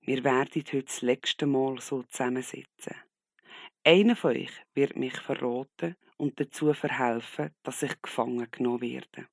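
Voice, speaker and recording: A man voicing Jesus as a calm, gentle teacher in a Bible story. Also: mid-range voice, moderate pace, vocal fry, dry recording, clean studio sound. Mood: solemn.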